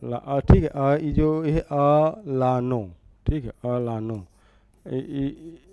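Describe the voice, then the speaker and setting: A man's voice: medium pitch, fairly even intonation, extremely slow, dark tone, clean tone, no echo. A man teaching an exam-prep grammar lesson, repeating each word and asking rhetorical questions as he writes.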